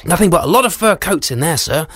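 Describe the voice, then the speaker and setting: A man's voice: on the high side, lively intonation, fast, a bit bright, slightly rough, pitched above the performer's own voice. A man voicing a nervous palace guard who fumbles his words and titles. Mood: flustered. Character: flustered bumbling palace guard, male.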